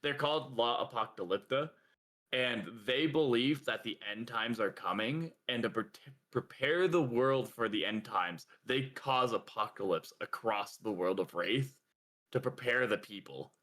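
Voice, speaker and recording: A young man with a bright, forceful voice co-hosts a casual podcast. He rambles along, padding his talk with fillers and breaking into laughter now and then. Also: mid-range voice, unhurried. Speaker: podcast co-host. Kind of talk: casual chat.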